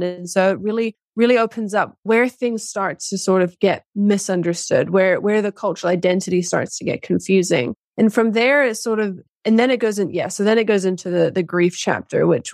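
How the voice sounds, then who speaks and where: A woman's voice: mid-range voice, no echo, studio quality. A young woman, co-author of a book, giving long explanatory interview answers with many restarts. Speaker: co-author guest.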